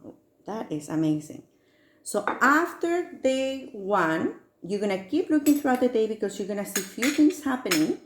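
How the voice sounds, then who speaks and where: A woman's voice: a little high, sing-song, normal speed. A woman with an upbeat, sing-song children's presenter manner, guiding young kids step by step through a science demonstration. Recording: echoey room.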